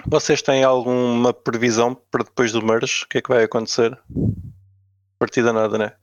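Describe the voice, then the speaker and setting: Man, European Portuguese accent, medium pitch, dry slightly dull recording, casual questioning podcast host. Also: level tone, moderate pace, no room sound. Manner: questioning, informal.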